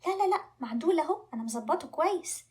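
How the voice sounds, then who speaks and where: A woman's voice: high voice, lively intonation, rapid-fire, pitched above the performer's own voice. A woman with an Egyptian Arabic accent voicing a clever, brave young princess in a children's story. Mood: coaxing. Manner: sweet and coaxing, then firm.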